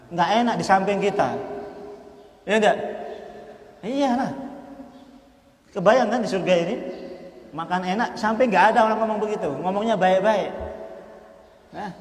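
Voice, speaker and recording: Man, sermon, slow Arabic recitation, fairly high pitch, long hall reverb. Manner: asks the audience questions and answers them himself; recites Arabic verses slowly. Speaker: preacher.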